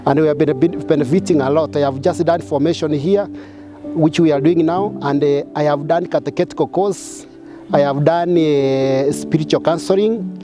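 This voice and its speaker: A man's voice: a little high, normal speed, over music. A religious brother giving an interview testimony, stumbling and restarting his words.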